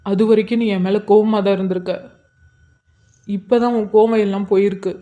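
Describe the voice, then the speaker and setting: A woman's voice: mid-range voice, fairly even intonation, a little fast, lightly acted. Woman playing a wounded young husband, tearful, mid-toned, muffled lo-fi sound. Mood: hurt. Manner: emotional, tearful. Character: grieving young husband, hurt and pleading. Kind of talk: cartoon voice acting.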